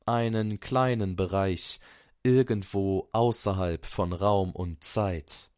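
A man reading a fairy-tale story aloud in a calm, soft-spoken way. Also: sits low, slow, clean tone, dry recording, clean studio sound. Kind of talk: scripted storybook narration.

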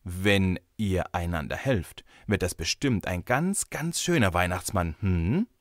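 A man's voice: sits low, animated, takes it slowly, dry recording, studio quality. A man voicing a young female kindergarten teacher, kind but firm with the children. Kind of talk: audiobook character voice.

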